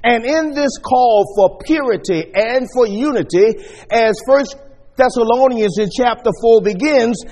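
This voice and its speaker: A man preaching a sermon at a pulpit microphone, teaching in a measured way as he walks his listeners through scripture verses. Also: extremely high pitch, darkish tone, big-room sound.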